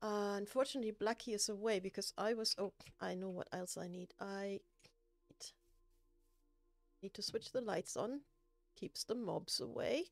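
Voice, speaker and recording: A woman's voice: medium pitch, normal speed, no echo, soft background music. A woman streaming a building game, chatting casually, laughing often and poking fun at herself. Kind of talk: casual gameplay chat.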